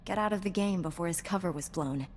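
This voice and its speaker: In a lowish, slightly mellow voice near everyday speech, an actress delivers scripted video game lines at a quick pace as a loyal, caring young female Jedi knight. Her tone is earnest, inquiring and reassuring, and the recording features long reverb and clear background noise.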